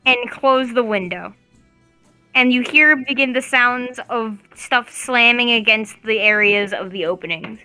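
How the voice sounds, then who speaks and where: A woman's voice: fairly high pitch, measured pace, sharp tone, soft background music, rough recording. A woman narrating a tabletop game as game master, casual and often laughing.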